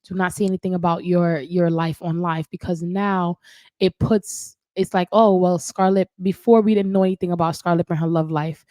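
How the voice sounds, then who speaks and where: A woman's voice: on the low side, steady tone, normal speed, dark tone, dry recording. A woman hosting a casual celebrity gossip commentary show, chatty and repetitive, often tagging her points with a question. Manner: chatty, repeats words, frequent "right?" tags. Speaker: host.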